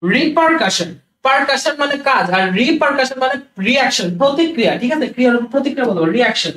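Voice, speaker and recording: A man teaches vocabulary at a brisk clip. He repeats terms, mixes in English and keeps checking that the class is following. His voice reaches the mic from some distance, bouncing around an echoey room. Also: extremely high pitch, expressive, a bit bright. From Bangladesh.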